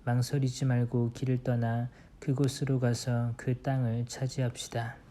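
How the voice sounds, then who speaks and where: Priest reading scouts' lines, men urging the others on, dark and a bit quieter. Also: male voice, mid-range voice, little pitch movement, measured pace, a little hiss or hum, natural voice. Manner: quoted lines read plainly, slightly softer. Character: group of male scouts urging an attack.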